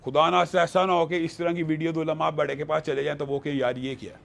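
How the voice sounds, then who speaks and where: A man with a somewhat raised pitch argues his case in a panel discussion. He talks with earnest conviction, as a religious scholar would, and quotes scripture to back his points. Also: flat delivery, creaky, a bit bright.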